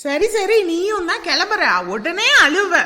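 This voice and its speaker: A woman's voice: extremely high pitch, a little slow, in a large hall, heavy background noise. A woman playing a busy young mother and daughter-in-law, who scolds and teases her child. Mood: brisk. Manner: scolding, bustling, teasing a crying child. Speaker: daughter-in-law in a family drama. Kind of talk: family drama acting.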